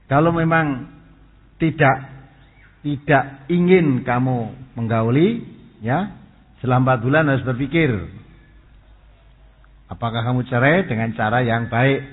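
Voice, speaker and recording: A male preacher explains his points patiently, now and then dropping into asides. His voice is husky and sits at a middling pitch. The sound is thin and phone-like, with a long hall echo behind it. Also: measured pace, pauses often. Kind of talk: Islamic sermon.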